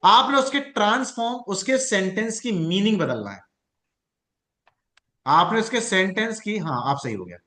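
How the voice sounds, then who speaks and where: Animated, high-voiced male teacher. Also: normal speed, echoey room. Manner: animated, explaining with examples and questions. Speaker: acupuncture and mind-technique teacher. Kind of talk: teaching a class.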